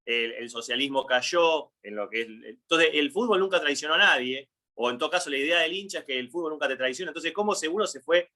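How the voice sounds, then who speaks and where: A man's voice: fairly high pitch, a little fast, hardly any pauses, pushed and bright. A man in his thirties with an Argentine accent, hosting a casual discussion and thinking aloud with frequent restarts. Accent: Argentine Spanish. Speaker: host.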